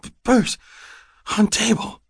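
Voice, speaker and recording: A man's voice: fairly high pitch, big pitch swings, slightly rough, dry recording, studio quality, voice pushed up. A man voicing a wheezing, frightened young woman. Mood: gasping. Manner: breathless, halting, stammering. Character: young woman, sick, scared, wheezing from asthma.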